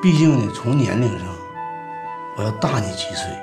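An actor playing a deliberate, self-important man lecturing a younger one. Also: medium pitch, animated, a little mellow, soft background music, natural voice.

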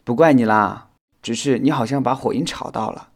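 A man voicing a sensible, caring young male insect in a children's audio storybook, chiding in a kind, steady way. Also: mid-range voice, moderate pace, lightly acted.

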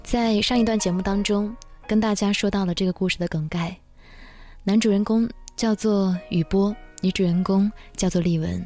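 A woman hosting a story reading program, narrating a love story in a calm, measured voice. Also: mid-range voice. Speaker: host and reader. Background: faint background music.

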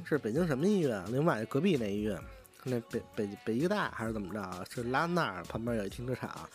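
A vlogger with a Beijing accent and a mid-range, slightly mellow voice tells a story casually. He rambles, swears freely, and restarts his sentences often.

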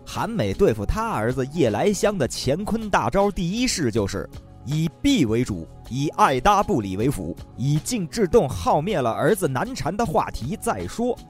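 Northeastern guy telling a comedy bit on radio, bouncy pitch, faint music behind. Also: moderate pace. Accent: Northeastern Mandarin. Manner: teasing, lively storyteller. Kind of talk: comic storytelling.

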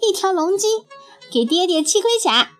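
A woman's voice: sing-song, a bit bright, soft background music, full character voice. Woman playing a cheeky defiant boy hero. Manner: defiant, high and quick.

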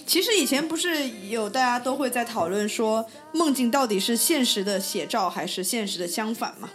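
Higher-pitched woman hosting a casual chat. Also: lively intonation, moderate pace, soft background music. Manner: reflective storyteller who poses questions to the group.

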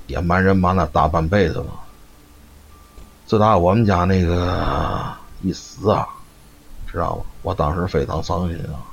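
A man voicing an old widow who confides in a hushed voice that she sees ghosts. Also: low-pitched, gravelly, breathy edge, heavily acted. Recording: dull lo-fi stream audio, faint noise.

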